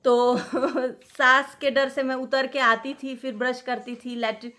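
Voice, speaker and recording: A middle-aged woman from Delhi, a vlogger telling a personal story in a chatty, animated way, often laughing at herself. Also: sits high, measured pace. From Delhi, India. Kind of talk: casual storytelling.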